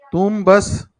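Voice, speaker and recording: A man teaching children math in a live online class, coaxing and teasing his pupils and mixing English terms into his talk. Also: high-pitched. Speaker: coaching teacher for school entrance exams.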